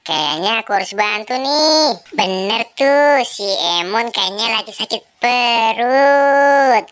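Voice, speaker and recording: A woman's voice: a little high, lively intonation, slow, fairly bright tone, clear, resonant tone. A woman voicing a kind, helpful boy who chattily reassures his friend in a comic kids' skit.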